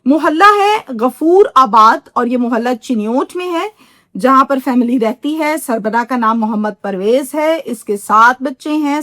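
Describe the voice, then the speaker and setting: A woman's voice: high voice, a bit bright, no room sound, studio quality. A middle-aged woman presents a true-crime story, indignant and moralizing, and repeats words for emphasis.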